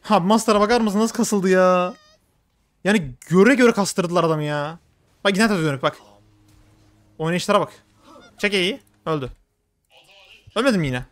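A young man commenting on his own game as he plays, talking fast and getting worked up. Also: high-pitched. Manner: rapid, excitable, swings into frustrated outbursts. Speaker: gaming streamer. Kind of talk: live gameplay commentary.

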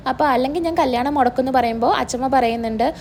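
A woman casually retelling a TV serial episode scene by scene, quoting the characters' dialogue and filling pauses with a drawn-out "aa". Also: high-pitched, fairly even intonation, a little mellow, slight background noise. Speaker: serial review vlogger.

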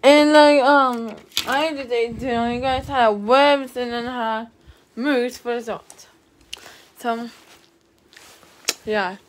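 A young woman with a sore throat vlogs casually to viewers from a small room, talking into a phone camera propped nearby. Her voice is fairly high and steady, and she speaks slowly with frequent pauses, rambling, repeating herself, and using many fillers. There's slight background noise.

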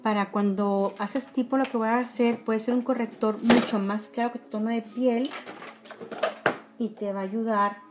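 Over loud music, a woman with a fairly high voice and fairly even intonation talks at a moderate pace. She's a makeup vlogger in her forties with a Mexican accent, chatting through a live tutorial from a small room straight to her viewers, whom she calls girls, and trailing off into whispers as she does her makeup. She's recorded at close range by a phone or webcam.

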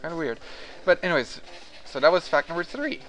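His voice is fairly high, sing-song and a bit bright, moving at a fairly quick pace, with soft music in the background and a low-quality recording. The man, a gaming vlogger whose first language is French, gives casual, rambling, hesitant commentary packed with fillers while playing.

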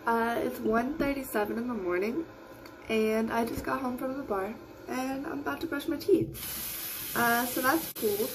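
A young adult vlogger talks casually to a phone held out at arm's length, rambling and self-deprecating indoors in her small bedroom. She speaks at a measured pace in a slightly high voice, with background noise present.

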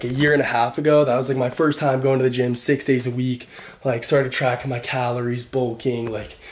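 Touring his home in a casual vlog, a young adult man chats about his workouts, relaxed and rambling with many "like" fillers. His voice is medium in pitch with a darkish tone and slight background noise. He films handheld in the house and car, first on a handheld camera and later with a voice-over mic.

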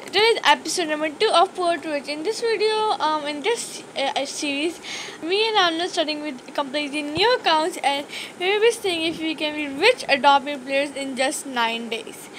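A young woman with a high voice and a sore throat hosts a gaming channel, chatting casually at normal speed as she plays. Her commentary rambles, full of fillers and restarts, over noisy screen-recorded mic audio with a steady hiss.

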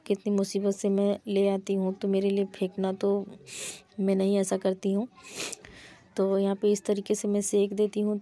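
A woman's voice: mid-range voice, dark tone. A young mother chatting plainly through her cooking vlog at home, often starting lines with "to" as a filler. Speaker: mother vlogging her household day. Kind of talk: casual cooking vlog narration. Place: small home kitchen.

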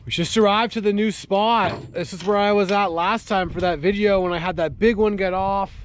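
Out on open water in a small fishing boat, a thirtysomething man with a high voice chats at a moderate pace to the action camera in his outstretched hand. This easygoing fishing vlogger narrates his actions, and the outdoor recording picks up the boat and the water around him.

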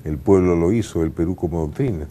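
An older man hosting a TV talk show in a studio, formal and animated as he introduces guests and asks questions. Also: low voice, brisk, a little hiss or hum. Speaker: TV host. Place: TV news studio.

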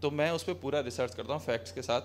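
A man's voice: mid-range voice, fast. Young man doing sarcastic stand-up. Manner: conversational, sarcastic, switching between Hindi and English. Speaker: stand-up comedian. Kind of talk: stand-up comedy set. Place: small cafe stage with brick wall, live audience. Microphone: handheld mic.

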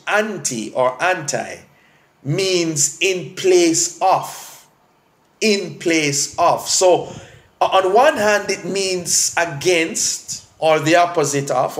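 A pastor leads a Bible study in a deliberate, unhurried way, circling back to repeat his key phrases. His voice sits fairly high for a man and carries a strong echo from the room. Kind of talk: church Bible study teaching.

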